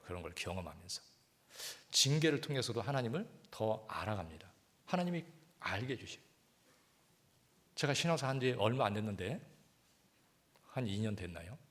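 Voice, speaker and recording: A man preaching a sermon, conversational and lively, asking the congregation rhetorical questions. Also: medium pitch. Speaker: pastor. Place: church hall.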